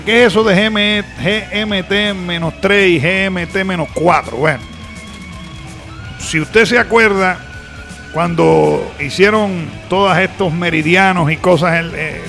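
Male radio host, Caribbean Spanish accent, high sharp voice, conversational and direct to the audience. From Caribbean island. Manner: explanatory, conversational, addressing listeners directly. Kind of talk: casual live rock radio show chat, announcing and greeting listeners.

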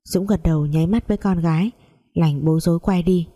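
A woman narrating a melodramatic family story, reading every character in a mostly even voice. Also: on the low side, brisk.

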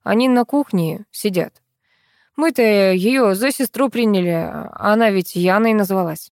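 A woman reading an audiobook, voicing a matter-of-fact young male police officer who explains things slowly. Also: mid-range voice, darkish tone, no room sound, clean studio sound, natural voice.

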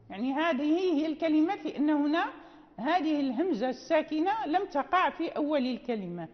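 A woman teacher explaining Quran recitation rules, repeating words slowly and chanting the quoted verses. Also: high voice, in a large hall, lo-fi sound.

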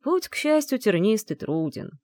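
A woman's voice: on the high side, very animated, normal speed, darkish tone, no room sound, studio quality, pitched above the performer's own voice. A woman voicing a cocky, teasing young male dragon in an audiobook, with a mocking, playful manner. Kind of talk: audiobook character voice.

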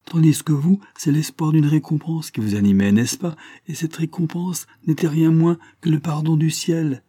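A man voicing a gentle, earnest young woman pleading with her cousin in a storybook reading. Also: medium pitch, steady tone, normal speed, breathy edge, no echo, clean studio sound, voice pushed up, natural voice. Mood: pleading tender. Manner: pleading, impassioned.

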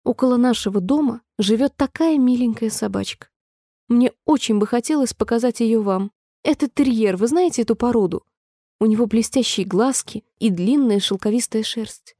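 A polite, chatty little girl with a raised, bright-pitched voice, eager and quick to apologise, as a woman puts her on in a storybook reading. The tone stays mellow, and the recording is close and dry. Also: no echo.

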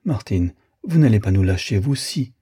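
A man's voice: fairly low pitch, animated, moderate pace, dark tone, husky. Man voicing a tearful, hopeful young woman. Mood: pleading. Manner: pleading, emotional.

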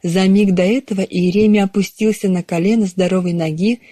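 A woman narrating a novel in a measured, even storytelling manner. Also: mid-range voice, no echo. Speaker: audiobook narrator. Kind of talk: scripted narration.

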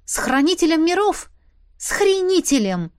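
A woman's voice: sits high, big pitch swings, moderate pace, voice pushed up. A woman voicing a young heroine who speaks heatedly and indignantly. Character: young woman heroine, hot-tempered and defensive.

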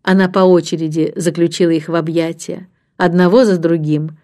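A woman reads a children's story aloud. Her voice sits low and mellow, with a calm, even storytelling delivery. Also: moderate pace. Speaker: narrator. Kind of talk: audiobook narration.

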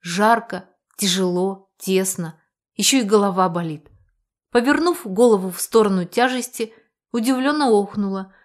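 A woman reads a first-person audiobook with a wry, lively storytelling manner. Her voice sits in an ordinary middle pitch. She keeps a conversational, humorous tone. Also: moderate pace. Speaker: audiobook narrator.

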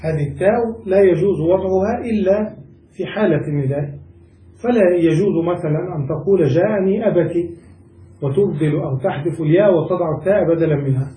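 A man's voice: sits high, a little fast, warm tone. A man teaching a classical grammar lesson, explaining step by step and quizzing his students. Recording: echoey room, voice far from mic.

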